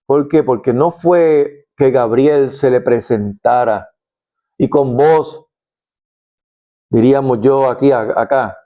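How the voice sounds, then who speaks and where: Man, devotional teacher, unhurried and warm-toned, lively storytelling delivery. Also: mid-range voice. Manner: animated storytelling, acts out scenes. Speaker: preacher.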